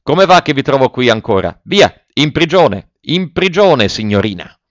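A man reading aloud voices a furious old miser who shouts and bullies his household, his voice pitched well above his own. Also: normal speed, clean tone, no room sound, close to an everyday voice. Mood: raging. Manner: shouting, blustering, bullying. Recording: dull dry lo-fi recording.

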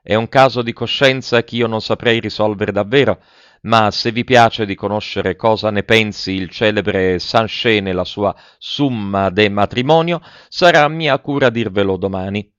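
A man voicing a grave, reserved young woman in an audiobook reading, speaking with measured, cool restraint. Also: on the low side, a bit bright, clear, resonant tone, no room sound, lightly acted. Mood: calm. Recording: dry, dull lo-fi.

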